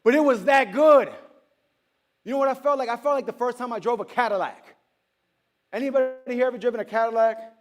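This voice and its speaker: A man preaching a sermon in a casual, storytelling way, acting out conversations with sudden high-pitched exclamations. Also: quick pace.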